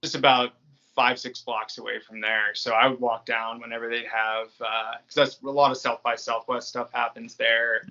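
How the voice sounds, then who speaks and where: A New England man, an American podcast creator, chats casually and rambles easily as an interview guest. His mid-range voice barely moves in pitch and comes at a normal speed, bright and forceful, though the recording sounds muffled.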